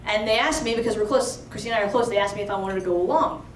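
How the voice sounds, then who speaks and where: Her mid-range voice comes rapid-fire as this young Virginian from Alexandria tells a live audience a true story, chatty and conversational with plenty of "like" and "you know." She's far from the mic in a roomy venue, heard off-mic, with slight background noise.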